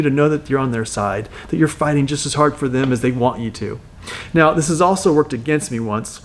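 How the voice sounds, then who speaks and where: A man coaching real estate agents, telling client stories and acting out both sides of the calls with lively energy. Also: on the high side.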